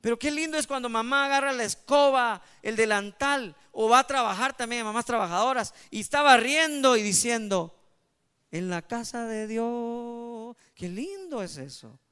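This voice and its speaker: High, bright-voiced preaching man. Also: moderate pace, hardly any pauses, clean tone. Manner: animated preaching with call-and-response to the congregation. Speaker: pastor. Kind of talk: sermon. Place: church.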